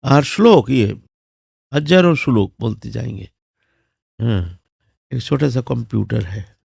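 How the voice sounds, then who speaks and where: A man's voice: mid-range voice, animated, slow pace, creaky, darkish tone, husky, no room sound, studio quality. A man with a Bengali accent giving a devotional discourse, telling a story and chanting Sanskrit verses. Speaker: devotional speaker.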